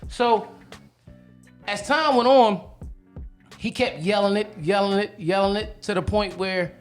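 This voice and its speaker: A man's voice: high-pitched, a little slow, soft background music. A man with a New Jersey accent, a DJ guest telling stories in casual podcast chat. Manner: storytelling, lively.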